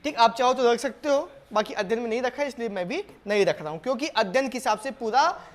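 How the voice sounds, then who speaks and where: A man teaching a board exam maths lesson step by step. He asks his students questions, answers them himself, repeats key steps and calls them "beta" in a patient, coaxing way. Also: very high-pitched. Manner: reads the English question slowly, word by word.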